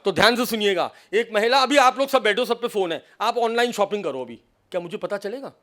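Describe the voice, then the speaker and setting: Animated high-voiced male seminar speaker. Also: a little fast. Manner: animated, acts out phone calls and teases the audience. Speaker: seminar speaker on cyber crime. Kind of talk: lively seminar lecture mixing Hindi and English. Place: seminar hall with a live audience.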